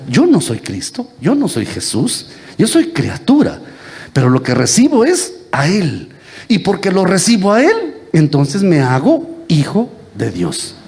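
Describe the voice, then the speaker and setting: A man's voice: fairly high pitch, darkish tone. A Guatemalan priest giving a homily, teasing his congregation and quizzing them with the same question again and again. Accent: Guatemalan Spanish. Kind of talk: lively interactive homily. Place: church.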